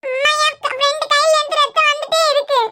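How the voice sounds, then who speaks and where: A woman's voice: little pitch movement, fast, very noisy. A woman voicing a small worried girl in a cartoon, speaking with a Kanyakumari Tamil accent in a pleading, insistent way. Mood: pleading, tearful. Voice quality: high, bright childlike voice. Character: small tearful girl, worried about her father. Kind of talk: cartoon voice acting.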